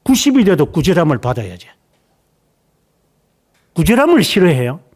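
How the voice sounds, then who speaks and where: A middle-aged male pastor delivers a sermon in a high voice that rises and falls across a wide, animated range. He presses his listeners with rhetorical questions, then drops to a hushed near-whisper before rising again. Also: normal speed. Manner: emphatic, fires rhetorical questions at the congregation.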